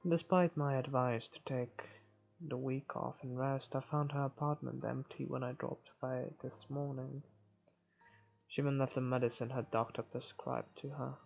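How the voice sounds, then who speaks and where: A gravelly, medium-pitched voice with fairly even intonation reads a visual novel aloud at a moderate pace, dropping offhand comments and sometimes tripping on words. It's a video game playthrough, muffled, with game music underneath.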